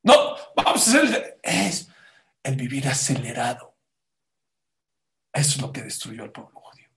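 A man giving a Torah lesson, swinging between loud outbursts and hushed asides and asking his listeners many rhetorical questions. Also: medium pitch, very animated, moderate pace, gravelly. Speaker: rabbi teaching Torah.

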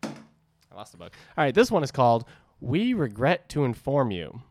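A man's voice: medium pitch, huge pitch swings, normal speed, a little mellow, slight background noise. Jokey man with a New England accent. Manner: jokey, wandering asides. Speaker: podcast co-host. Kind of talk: casual chat, reading book blurbs.

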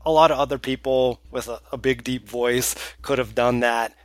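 A man's voice: medium pitch, fairly even intonation, moderate pace, no echo. A man co-hosting a podcast, chatty and laughing often, slipping into playful impressions. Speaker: podcast co-host. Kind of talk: casual film chat.

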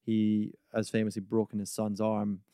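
A man's voice: lowish voice, completely flat delivery, moderate pace, dark tone, clean tone, dry recording. Rambling podcast man, dry sound. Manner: rambling with many ums and likes. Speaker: podcast co-host. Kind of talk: casual podcast chat.

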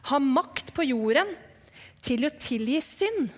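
A woman voicing Jesus as a calm, kind but firm man, speaking in slow, measured pronouncements in a storybook retelling. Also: extremely high pitch. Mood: solemn. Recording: long hall reverb.

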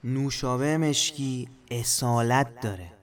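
A man's voice: mid-range voice, close to an everyday voice. An actor playing a blunt, skeptical male companion who questions and teases in comic dialogue. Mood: scolding, mocking.

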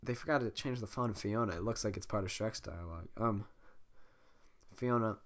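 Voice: medium pitch, a little fast. A person with a bad cold reading a script aloud, coughing and making amused, rambling asides. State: sick, coughing. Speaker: script reader.

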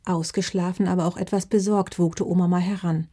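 A woman, author of the story, narrating it gently for children. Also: lowish voice, fairly even intonation, a little fast, husky.

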